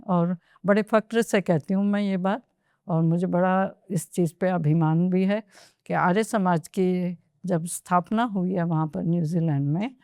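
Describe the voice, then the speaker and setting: Low, mellow-voiced woman telling a story. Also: dry recording, clean studio sound. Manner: unhurried, mixes English phrases into Hindi. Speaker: guest. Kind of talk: storytelling in a podcast interview.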